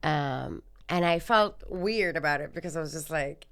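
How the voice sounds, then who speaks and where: Brief: woman guest from Sudan, low smooth voice, dry close mic, emphatic and reflective. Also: normal speed, a bit bright, no room sound. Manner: thoughtful, emphatic, acts out quoted speech. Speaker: guest musician. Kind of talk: conversational interview.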